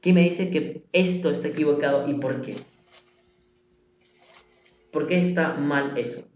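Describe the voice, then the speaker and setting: A man's voice: on the high side, measured pace, a little mellow. A man teaching a live online language class, patiently repeating example phrases and putting questions to his students. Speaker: English teacher. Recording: echoey room, dull lo-fi sound.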